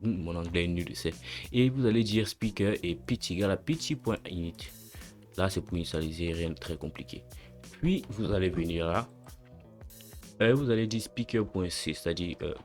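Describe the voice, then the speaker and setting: A young man hosting a casual coding tutorial, relaxed and slangy, talking through each step aloud and correcting himself as he goes. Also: deep voice, normal speed, soft background music.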